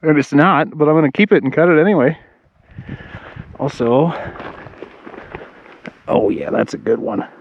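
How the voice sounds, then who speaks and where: A man vlogging outdoors while hiking fast at dusk, chatty and enthusiastic, short of breath and laughing often. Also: on the high side, lively intonation, lo-fi sound, a little hiss or hum. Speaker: rock hunting vlogger. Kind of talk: casual vlog narration while hiking. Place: outdoors at dusk on a rocky hillside. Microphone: action camera and phone.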